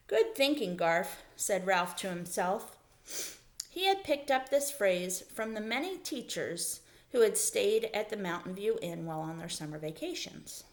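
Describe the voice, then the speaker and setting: Teacher with a lively, expressive reading voice. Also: female voice, mid-range voice, measured pace. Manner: patient, explanatory, talking to children. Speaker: elementary school teacher. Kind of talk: reading a children's book aloud with vocabulary teaching.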